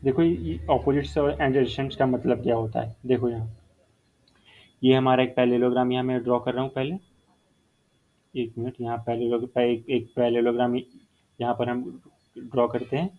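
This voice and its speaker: A man's voice: mid-range voice, little pitch movement, normal speed, long pauses. A male math teacher explaining a whiteboard lesson step by step, repeating key terms and mixing in English phrases. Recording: phone-like narrow sound.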